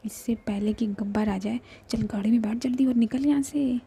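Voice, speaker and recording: A woman's voice: on the high side, normal speed, creaky, dark tone, husky, heavily acted. A woman voicing a playful, exasperated young woman friend in a whispered role-play. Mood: teasing.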